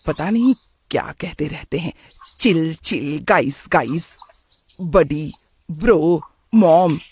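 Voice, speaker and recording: A man voicing a middle-aged traditional mother who speaks softly and resignedly in a cartoon story. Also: fairly high pitch, slow pace, husky, exaggerated voice. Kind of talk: cartoon voice acting.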